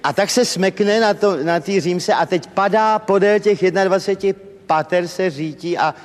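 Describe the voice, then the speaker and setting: A man's voice: high-pitched, close to an everyday voice. A man playing a fussy, chatty compere in a stage comedy sketch, telling jokes. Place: theatre stage before an audience. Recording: reverberant hall with faint noise.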